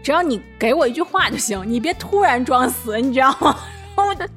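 A young woman co-hosting a casual chat podcast, excitable and breaking into bursts of laughter. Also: high-pitched, fairly quick, faint music behind. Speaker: podcast co-host.

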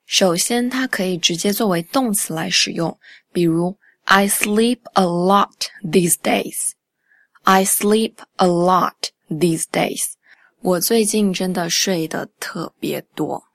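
A young woman hosting a podcast English lesson in a chatty way, repeating English phrases slowly and clearly. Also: lowish voice, no room sound, clean studio sound. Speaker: English teacher and podcast host.

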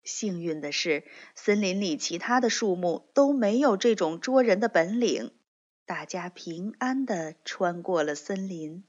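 A woman reading a children's fairy tale aloud in a gentle, expressive storytelling manner. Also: lowish voice, measured pace. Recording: dull lo-fi recording.

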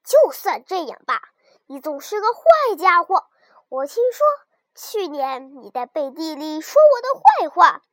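A woman voicing a fierce, hungry wolf in a children's story, loud and blustering. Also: high-pitched, animated, unhurried, no room sound, clean studio sound.

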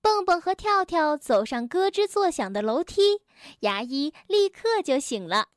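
A woman reading a children's storybook aloud, gentle and expressive. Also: high-pitched, measured pace, no room sound, studio quality.

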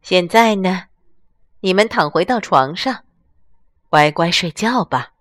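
A woman's voice: lowish voice, lively intonation, slow, no echo, studio quality. A woman voicing a brave mother rabbit in a bedtime storybook, talking firmly and emphatically with her voice raised.

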